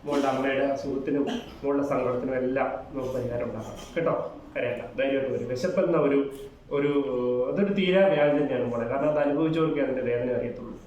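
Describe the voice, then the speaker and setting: A man playing a kind, earnest schoolteacher who coaxes his pupils gently and then lectures them on right and wrong, recorded from a distance in a very echoey room. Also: mid-range voice, fast, slight background noise, natural voice. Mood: consoling, preachy. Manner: gentle, coaxing, moralizing. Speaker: teacher. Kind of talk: amateur short-film acting. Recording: echoey room, mic far off.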